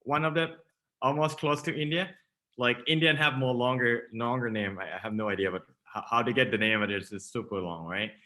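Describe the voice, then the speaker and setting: A man's voice: mid-range voice, fairly even intonation, brisk, sharp tone. A man from Thailand with a Thai accent, a startup founder in his thirties chatting casually as an interview guest, laughing often and using non-native phrasing.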